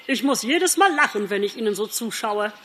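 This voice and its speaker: A woman's voice: a little high, lively intonation, normal speed, a bit bright, long reverb tail, slight background noise. A woman voicing a merry, blunt male woodpecker in an audiobook, teasing and plain-spoken. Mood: jolly. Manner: jolly and teasing, talks plainly. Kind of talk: audiobook character voice.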